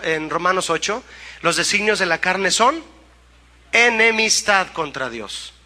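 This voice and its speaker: A man's voice: sits high, bright, forceful tone, long reverb tail. A male pastor preaching a sermon, reading scripture aloud and asking the congregation to answer back.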